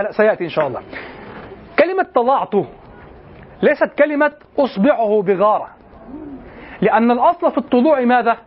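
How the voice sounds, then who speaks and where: A man's voice: very high voice, muffled recording, slight background noise. A male teacher giving a classroom lecture on classical poetry, explaining step by step and often checking that students follow. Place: lecture room at an institute.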